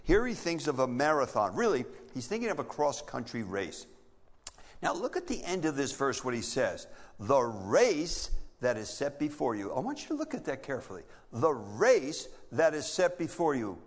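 An older man preaching a sermon as pastor, animated and emphatic, repeating key phrases for effect. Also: medium pitch, moderate pace, husky. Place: church sanctuary. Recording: long hall reverb.

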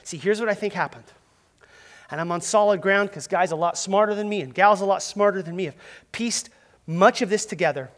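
A young man preaching a lively sermon as pastor, leading his congregation in call-and-response. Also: high-pitched, fairly quick, big-room sound. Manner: storytelling with boxing imagery.

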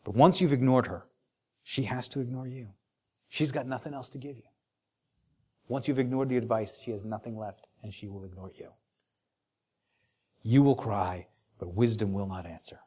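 A man preaching a sermon, rising to loud urgent passages and dropping to hushed, near-whispered quotations. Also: medium pitch, moderate pace, long pauses, husky. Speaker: pastor.

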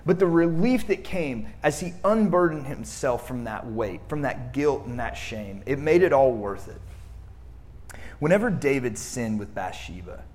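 A man's voice: mid-range voice, lively intonation, a little slow, a little mellow. A man preaching a sermon in a conversational way, using fillers and asking the congregation rhetorical questions. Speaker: pastor.

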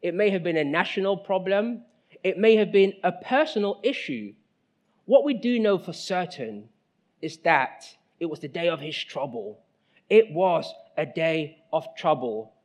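A man in his thirties preaching a sermon, emphatic, asking rhetorical questions and dropping from loud cries to soft, low lines. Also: lively intonation, measured pace.

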